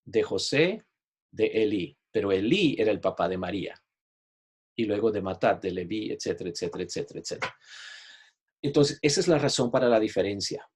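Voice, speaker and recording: A man's voice: fairly low pitch, expressive, a little fast, a little mellow, slightly rough. A man giving a Bible study lesson, explaining patiently and often checking in with his listeners. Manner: explanatory, repeats "¿ok?" to check understanding; shares screen while teaching, online class. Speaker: Bible teacher.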